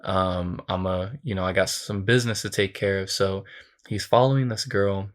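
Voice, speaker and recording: A man's voice: low-pitched, normal speed. A man co-hosting a podcast, casually retelling a film's plot with lots of fillers. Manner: relaxed storytelling with many fillers. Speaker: podcast co-host. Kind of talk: casual movie recap chat.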